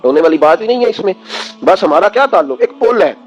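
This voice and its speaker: A man's voice: high voice, animated, husky, dull audio, faint music behind. A man preaching an emotional sermon, impassioned, firing rhetorical questions at his listeners.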